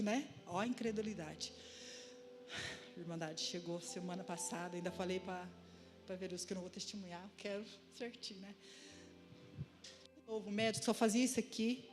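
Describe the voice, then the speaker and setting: A middle-aged woman giving an emotional, animated testimony to a church congregation. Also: medium pitch. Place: church service.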